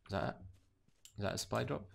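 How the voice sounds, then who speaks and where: A man's voice: lowish voice, fast, vocal fry, fairly bright tone. A young man giving casual live commentary while he plays, muttering to himself and swearing freely. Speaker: gamer.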